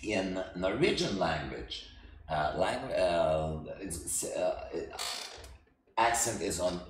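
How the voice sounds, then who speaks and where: A man who is not a native English speaker teaches a language lesson in halting English, repeating himself with many fillers. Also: low voice. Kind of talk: slow spoken language lesson. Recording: echoey room with faint noise.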